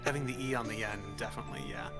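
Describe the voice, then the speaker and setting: A man's voice: fairly low pitch, very animated, racing, gravelly. A man in casual chat on a game stream, explaining his thoughts at length. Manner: explanatory, musing on word sounds. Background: game music.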